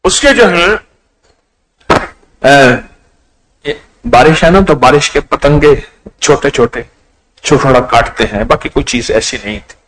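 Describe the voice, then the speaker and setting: A man's voice: mid-range voice, pauses often, fairly bright tone, slight background noise, poor audio. A man giving a storytelling sermon, acting out the people in his anecdotes as he goes. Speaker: religious speaker.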